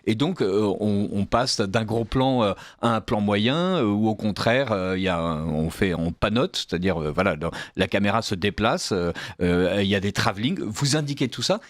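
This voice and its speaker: A man's voice: fairly low pitch, lively intonation, moderate pace, hardly any pauses, no room sound, clean studio sound. A man hosting a radio interview, asking long questions full of fillers. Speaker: radio host.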